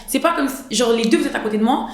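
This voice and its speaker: Fast-talking young Quebec woman, echoey room. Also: on the high side, a loud crowd. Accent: Quebec French. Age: 20s. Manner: quick, animated, slips into other accents. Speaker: podcast guest. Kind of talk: casual chat.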